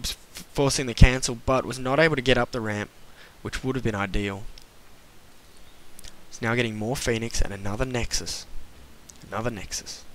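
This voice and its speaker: A man's voice: mid-range voice, a bit bright. Chatty young man casting an esports match. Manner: chatty, self-mocking, quick asides. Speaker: esports caster. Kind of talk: play-by-play commentary.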